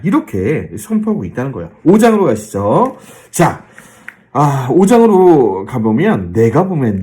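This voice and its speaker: A man, a pastor, giving a Bible lecture and asking his listeners questions along the way. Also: mid-range voice. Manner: animated, drawn-out fillers, rhetorical questions to the listeners.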